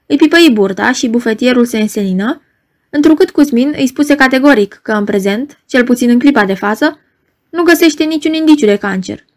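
A woman reading a novel aloud as narrator, in an even, measured storytelling manner. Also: high voice. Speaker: audiobook narrator. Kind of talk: scripted narration.

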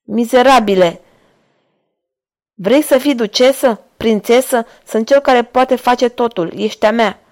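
A woman's voice: a little high, a little mellow, natural voice. Woman narrator doing an old, lustful, commanding pope in an audiobook; intense and coaxing. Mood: possessive.

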